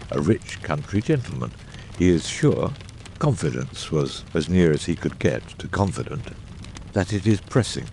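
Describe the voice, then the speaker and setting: A man performs the role of a brilliant middle-aged detective in an audiobook drama, his voice very low, creaky, darkish and exaggerated. Self-satisfied and exacting, he phrases things eruditely and theatrically, with wide pitch swings and deliberate pauses, over a slight hiss or hum.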